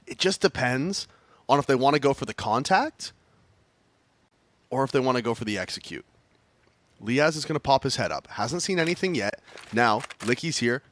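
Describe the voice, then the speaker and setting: A man's voice: medium pitch, a bit bright, slight background noise. A man working as an esports caster, explaining and calling live match action in short clipped phrases. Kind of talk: live esports analysis and play-by-play commentary.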